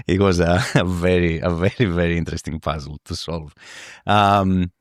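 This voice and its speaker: A man from Greece, a podcast guest speaking earnestly in a halting way, often repeating words as he searches for them. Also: low voice, fairly even intonation, dry recording, studio quality. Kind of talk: podcast interview.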